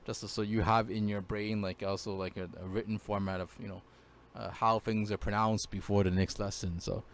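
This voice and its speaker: A man's voice: fairly low pitch, level tone, moderate pace, a little hiss or hum. A man teaching a casual screen-share language lesson, hesitant, with many fillers and restarts.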